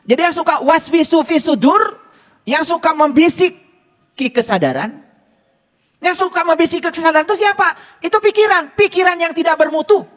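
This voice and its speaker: A man's voice: extremely high pitch, moderate pace, fairly bright tone. A man preaching a casual sermon, teaching with rhetorical questions. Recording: long hall reverb.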